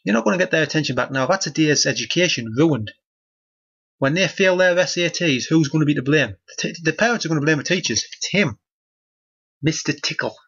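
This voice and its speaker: A man's voice: on the high side, expressive, fairly quick, fairly bright tone, slightly rough, dull audio. A man reading a children's book aloud, breaking off for sardonic, mock-outraged comic asides.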